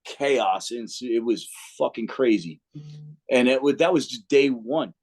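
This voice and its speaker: This New Jersey-accented man, a guest on an interview, has a mid-range voice with a breathy edge and talks a little slowly. His storytelling is casual and profane, full of acted-out quotes.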